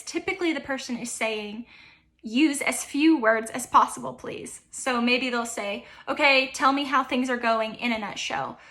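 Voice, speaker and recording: A woman's voice: high voice, bright, forceful tone. A young woman, teaching idioms as a coach in an upbeat, playful way. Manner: upbeat, playful, with light laughs. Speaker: American accent coach.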